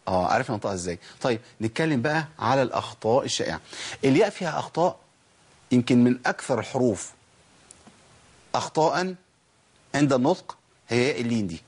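A man's voice: mid-range voice, animated, fast, long pauses, husky. Egyptian male tajweed teacher with a mid-range voice who drills his class with call and repeat. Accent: Egyptian Arabic. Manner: drills students with call-and-repeat, asks and answers his own questions. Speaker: Quran recitation teacher. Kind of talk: Egyptian colloquial tajweed lesson.

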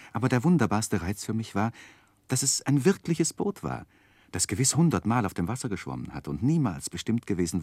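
In a 1960s radio play, a deep-voiced male narrator tells a literary story with a measured, expressive delivery. His voice has a breathy edge, and the recording is dry with no echo.

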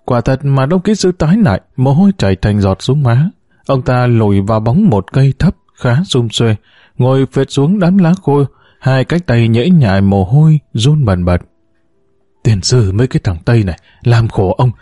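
A man reading a story aloud at a steady pace, with a dark, mellow timbre. The recording is dry and close, with no room echo, and his pitch sits in an ordinary middle range. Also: normal speed. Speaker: narrator. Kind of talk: audiobook reading.

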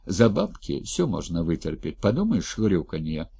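A man's voice: deep voice, sing-song, moderate pace, gravelly, warm tone, husky, exaggerated voice. A man voicing a crude unbothered woman. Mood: nonchalant. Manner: nonchalant, crude.

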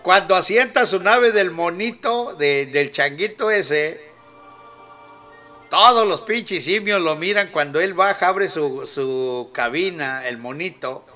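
A man's voice: fairly high pitch, animated, takes it slowly, bright, forceful tone, soft background music. A man with a Mexican accent hosting a radio show, retelling a film in casual, profane, rambling talk and laughing often. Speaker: radio host.

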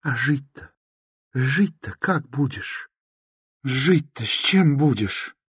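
A man's voice: mid-range voice, lively intonation, takes it slowly, a bit bright, breathy edge, no echo, clean studio sound, voice pushed up, full character voice. A man voicing a fervent young woman who pleads urgently in a raised, imploring voice, within a dramatic novel reading. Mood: anguished.

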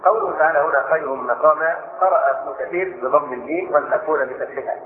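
An older man giving a spoken lesson on scripture, explaining quickly and slowing to recite verses. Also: a little high. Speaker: Islamic scholar giving Quran commentary. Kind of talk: spoken Quran commentary lesson. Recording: echoey room over a tinny phone-like line.

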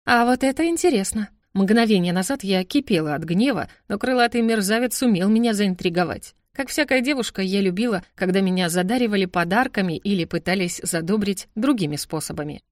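A woman narrating an audiobook with a lively, expressive reading, close to the mic. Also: mid-range voice, fairly quick, hardly any pauses, dry recording. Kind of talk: scripted narration.

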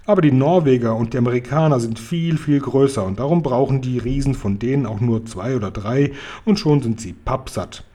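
A man's voice: mid-range voice, fairly quick, mellow, natural voice. A man doing Guri, a kind word-mangling giant. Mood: earnest. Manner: mangles words, folksy and good-natured. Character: kind big friendly male giant. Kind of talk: bedtime story reading.

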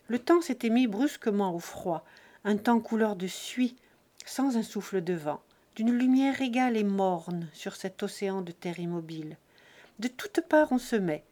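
A woman narrating a classic novel as an audiobook, in measured, expressive phrasing with short breath groups. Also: medium pitch. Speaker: audiobook reader.

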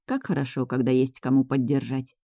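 Low, mellow female audiobook narrator, dry close sound, first-person storytelling. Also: level tone, fairly quick, no echo.

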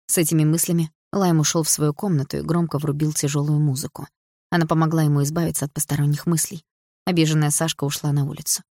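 Woman reading an audiobook, low voice, steady storytelling. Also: no room sound, studio quality. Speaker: audiobook reader. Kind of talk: scripted narration.

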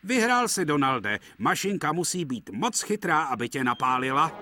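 Picture an earnest, self-important little male steam engine, as a man puts him on, his voice lifted higher than the narrator's. Talk swings in pitch, and music plays underneath. It belongs to a dubbed children's TV series. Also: very animated, sharp tone, breathy edge, heavily acted. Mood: good-humoured.

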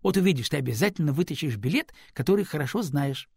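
A man's voice: on the high side, lively intonation, quick pace, creaky, darkish tone, slightly rough, no room sound, studio quality, full character voice. A man voicing a rude, pushy teenage girl in an audiobook, cheeky and pert. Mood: eager. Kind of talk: audiobook character voice.

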